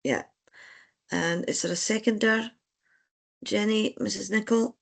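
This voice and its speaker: Convener with a gravelly voice. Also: mid-range voice, fairly even intonation. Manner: procedural, measured, polite. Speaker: licensing board convener. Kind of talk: formal meeting chairing.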